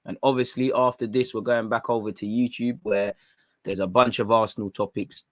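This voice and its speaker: A young man, hosting a football talk stream in a rambling, slangy, excitable way. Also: on the low side, fairly quick, no room sound. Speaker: football channel host. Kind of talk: casual livestream chat.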